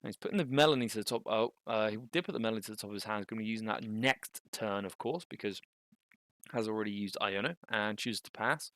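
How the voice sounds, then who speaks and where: A young man giving casual, thinking-aloud commentary on a card game match, with bursts of excitement. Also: on the low side, fast, no room sound.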